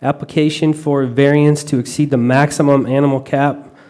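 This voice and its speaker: A man's voice: mid-range voice, flat delivery, darkish tone, clear, resonant tone. Man chairing a hearing, courtroom-style recording. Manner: brisk, procedural, with filler "uh"s. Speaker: board chair. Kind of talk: formal meeting procedure.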